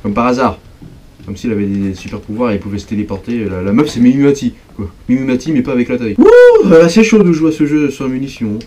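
A young man commenting on a horror game as he plays, jumpy and excitable, talking straight to his viewers. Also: medium pitch, fast talker. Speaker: gaming video creator. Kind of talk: let's play commentary.

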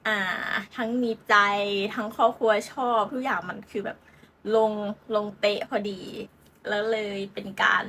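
A woman's voice: medium pitch, fairly even intonation, moderate pace, a bit bright, a little hiss or hum. A young woman hosting a football channel, chatting casually about transfers in a giggly, playful way with lots of fillers.

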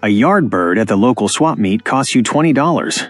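A man's voice: mid-range voice, animated, moderate pace, no room sound. A man giving an emphatic, instructive scripted voice-over about farm breeding. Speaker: farming channel narrator. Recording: dry close voice-over with faint music.

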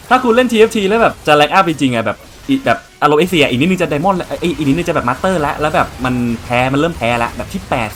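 A man's voice: fairly high pitch, a bit bright. A young man casually commenting on his strategy game as he plays, chatting to viewers and swearing freely. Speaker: game streamer.

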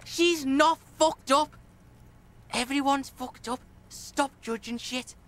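A woman's voice: high-pitched, takes it slowly, a bit bright. A woman voicing a foul-mouthed, cocky street boy in a video game who swaggers and talks about himself by name.

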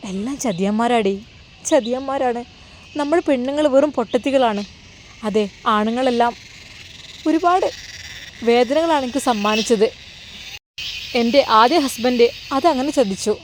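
A woman's voice: on the high side, unhurried, pauses often, slight background noise, natural voice. A woman voicing a heartbroken young woman who talks in a tearful, bitter, pleading way, with faint crickets behind. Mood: hurt, bitter. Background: faint evening crickets.

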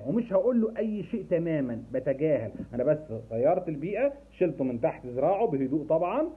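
Egyptian male specialist, patient explainer who repeats key points; husky voice, phone-band sound. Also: high-pitched, narrow, tinny audio. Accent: Egyptian Arabic. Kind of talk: explanatory talk to parents.

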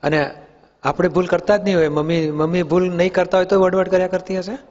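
A spiritual teacher with a high, slightly mellow voice talks fast in a flat delivery, leading a question-and-answer discourse for youth. He patiently questions the young people and draws on everyday examples, recorded with dull sound in an echoey hall.

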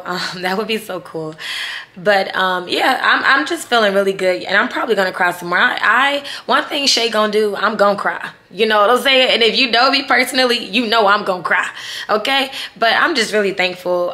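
A Southern US woman in her thirties vlogs casually to a phone or camera held at arm's length in a resort room. Her mid-range voice is pushed and bright at a normal pace, and she rambles emotionally.

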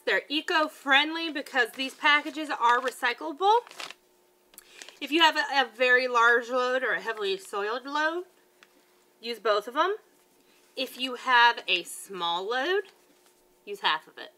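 A woman in her thirties chats casually through a product review, stumbling over words here and there. Her voice is high-pitched with a sharp tone. She's recorded at home in her living room on a webcam at close range.

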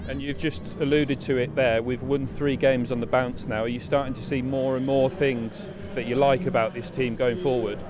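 A man interviewing a player after a match, asking conversational leading questions outdoors at a pitch. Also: little pitch movement, normal speed, few pauses, crowd noise. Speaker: club TV interviewer. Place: outdoors at a football pitch at night.

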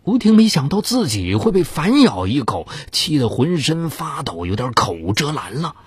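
A man's voice: sing-song, moderate pace, breathy edge, no echo. A man narrating a dramatized true-crime story in a theatrical, suspenseful way. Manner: theatrical, swings of pitch for suspense.

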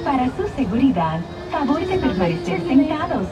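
A woman reading a brisk, formal recorded safety announcement, played over an outdoor loudspeaker. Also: sits high, very animated. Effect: played over the tram's outdoor loudspeaker. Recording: distant outdoor loudspeaker amid crowd and music.

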